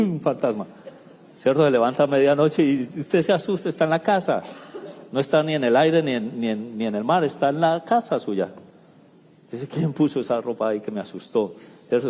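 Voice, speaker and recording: A man's voice: mid-range voice, mellow. A male pastor giving a conversational sermon, asking the congregation rhetorical questions and making joking asides. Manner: jokey asides and chuckles. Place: church sanctuary. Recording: long hall reverb in a church.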